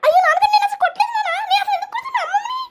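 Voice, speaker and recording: A voice actor playing a whining young grandson who keeps pleading his innocence to his father. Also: a little hiss or hum. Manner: whining denials, rapid and high. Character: young adult male grandson, whiny and pleading.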